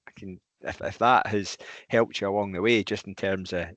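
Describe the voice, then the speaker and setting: A podcast host with a very low voice, answering his guest in short remarks. The sound is dry and close. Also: fairly even intonation, normal speed, fairly bright tone, dry recording. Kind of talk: casual podcast interview.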